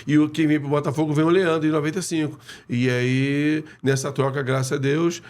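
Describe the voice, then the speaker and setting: A middle-aged man, a former footballer telling lively anecdotes as a podcast guest in a studio. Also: fairly high pitch, brisk. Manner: animated anecdotes, hesitant restarts. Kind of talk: casual storytelling.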